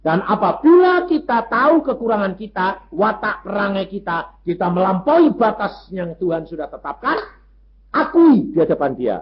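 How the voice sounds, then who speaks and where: A man preaching a sermon, telling stories lively and acting out the voices of people in them. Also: high voice, moderate pace, a little hiss or hum. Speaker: pastor. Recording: muffled lo-fi recording.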